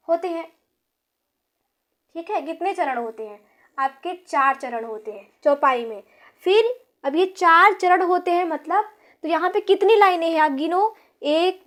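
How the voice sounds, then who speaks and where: A young woman with a high voice teaches grammar in a classroom style. She repeats each point, corrects herself, and keeps asking her students quick questions as she counts through each line aloud. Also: fairly bright tone. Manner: checks in with rhetorical questions and counts syllables aloud.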